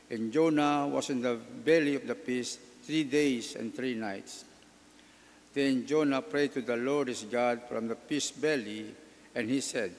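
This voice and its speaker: A man serving as lector at Mass, reading scripture and leading a psalm with formal, measured, declamatory phrasing. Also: medium pitch. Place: large reverberant church. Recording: echoey hall with long reverb.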